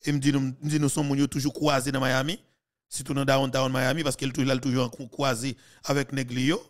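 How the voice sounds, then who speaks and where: A man's voice: mid-range voice, level tone, brisk. Haitian guy in his 30s ranting on a podcast, heated, mocking, mid voice, close studio mic. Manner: heated, mocking, with sudden loud outbursts. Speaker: podcast commentator. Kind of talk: political commentary. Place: small studio. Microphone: studio mic with headphones.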